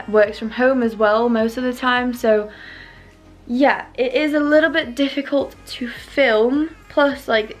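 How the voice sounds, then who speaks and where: Chatty young woman with a high-pitched voice. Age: young adult. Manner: chatty, rambling, emphatic repetition. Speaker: fitness vlogger. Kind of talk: casual chatty vlog and workout voiceover.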